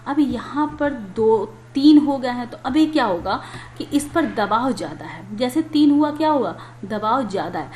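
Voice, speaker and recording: Her voice is fairly high, animated, and a little mellow, moving at normal speed as she teaches chemistry in a chatty style. She raises questions and supplies the answers herself, recorded in an echoey room with faint noise.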